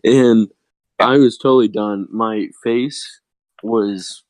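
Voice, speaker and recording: A man's voice: fairly low pitch, steady tone, slow pace, a little mellow, no room sound, rough recording. A teenage boy co-hosting a casual chat, telling a rambling story full of swearing and laughs, his voice cracking often. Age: teens. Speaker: podcast co-host.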